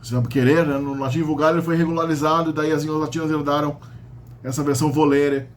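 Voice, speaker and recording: A man's voice: fairly high pitch, level tone, quick pace. A man with a Brazilian Portuguese accent giving a casual spoken grammar lesson, explaining step by step with frequent "né?" and "tá?" tags. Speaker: language teacher.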